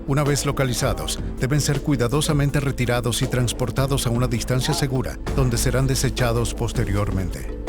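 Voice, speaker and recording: Man, scripted nature-documentary narration, measured, serious, middle pitch, clear background music. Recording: music behind the voice.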